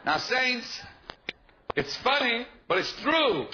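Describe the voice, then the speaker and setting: A high-pitched man preaches with insistent repetition, pressing his listeners to answer him. The recording is muffled and dull, with a steady hiss of noise beneath his voice. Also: slow. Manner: emphatic, repeats key points, asks the congregation to respond. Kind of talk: sermon. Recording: dull, noisy live sermon recording.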